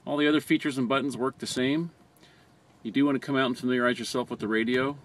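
Here a fast-talking American man with a medium-pitched voice and fairly even intonation serves as a fire department communications trainer. He narrates a hands-on training video as an instructor, laying out each step plainly. The recording has noticeable background noise, typical of amateur audio from a handheld camera or phone held close.

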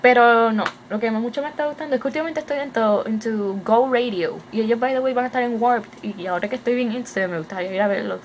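A young woman with a Puerto Rican accent rattles through a casual video update, excited and hyper. She switches between Spanish and English words as she goes, in a slightly high voice. A faint hiss of room noise sits behind her. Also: fast, few pauses. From Puerto Rico. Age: young adult. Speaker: vlogger.

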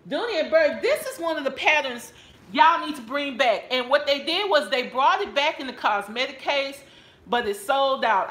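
Her voice sits high with a fairly bright tone as this chatty Texan woman hosts a casual handbag haul video from her couch at home. She's playful and addresses viewers as "y'all," recorded in an echoey room by a camera or phone on a stand with close framing.

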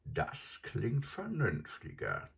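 A man voicing a huge, boastful and sly old male crocodile who tells his tale slowly and savors it. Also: medium pitch, huge pitch swings, vocal fry, a bit bright, husky, pitched above the performer's own voice, heavily acted. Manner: slow, savoring storyteller.

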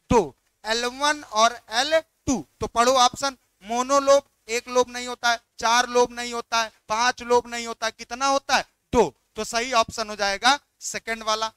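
A man's voice: extremely high pitch, fairly even intonation, normal speed, bright, forceful tone, smooth, no room sound. A man teaching biology, walking through exam questions and coaxing students by repeating each question back.

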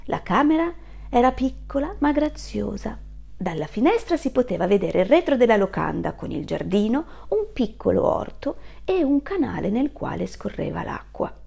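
A woman reading a children's story aloud in an expressive, animated way. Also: on the high side, moderate pace, creaky, slightly rough.

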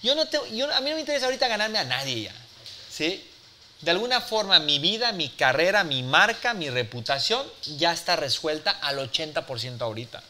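A man in his forties giving a live mentoring talk, blunt and forceful, swearing freely and checking in with the audience. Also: fairly high pitch, very animated, brisk, a little hiss or hum. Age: 40s. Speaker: business speaker and mentor.

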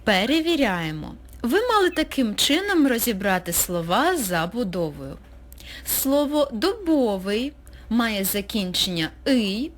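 Slow, lively-voiced woman teacher. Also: fairly high pitch. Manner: slow, clear, dictating pace. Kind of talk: recorded school lesson narration.

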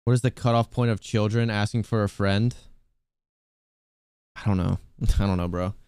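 A man's voice: fairly low pitch, steady tone, normal speed, a little mellow, clean tone, no echo, clean studio sound. A man streaming a video game, chatting casually with viewers in a teasing, joking way and laughing often. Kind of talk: casual gaming stream chat.

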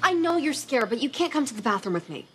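A woman's voice: sits high, sing-song, fast talker, fairly bright tone. A young American woman playing a dramatic, dim-witted teenage camp counselor in a sitcom, whiny and exaggerated. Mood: anxious, dim. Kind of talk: broad sitcom acting. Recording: music behind, edited TV sitcom clip.

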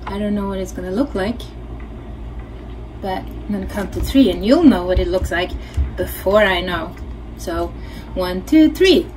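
There's soft music behind this middle-aged woman from Norway as she teaches a craft workshop from her small home studio, musing aloud while she shows each step. Her medium voice is slightly mellow, at a moderate pace with long pauses, and the audio is noticeably noisy.

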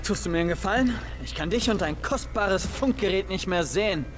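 In this game audio with clear background noise, an actor voices a brash young man leading a group of survivors, curt, impatient and sarcastic. His voice sits high and he talks animatedly, a little fast, over music.

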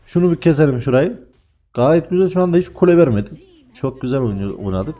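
A man commentating live on his own gameplay, excitable, swearing at and trash-talking his teammates. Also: on the high side, fast, muffled recording. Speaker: gaming channel host.

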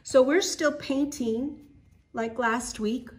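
A woman with a fairly high voice leads a children's Bible lesson. She talks slowly and gently, in the easy, questioning way of someone telling a story to small kids. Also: slightly rough. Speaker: children's program leader.

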